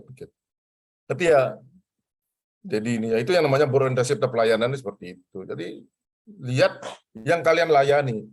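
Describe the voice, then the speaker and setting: An older man from Bali, a civil service trainer, giving a lively, preachy lecture to trainees and slipping in Javanese phrases. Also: mid-range voice.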